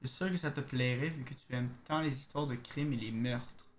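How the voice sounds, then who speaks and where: A man's voice: mid-range voice, slight background noise. Québécois man reading game letters. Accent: Québécois French. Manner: casual, chats to viewers, reads letters in a slow narrating way. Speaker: game streamer. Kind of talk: let's play commentary, reading in-game letters aloud.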